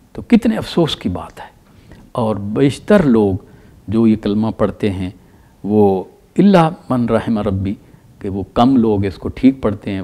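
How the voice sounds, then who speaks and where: A middle-aged man teaching recitation rules, explaining slowly and repeating examples with drawn-out chanted words. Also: medium pitch, darkish tone. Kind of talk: tajweed lesson.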